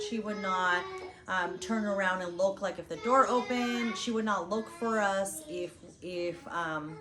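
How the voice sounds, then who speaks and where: A woman's voice: mid-range voice, fairly bright tone. A woman co-hosting a casual chat about parenting, talking loosely with fillers and restarts. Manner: chatty, frequent fillers and restarts. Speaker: channel co-host, parent. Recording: roomy with faint background noise.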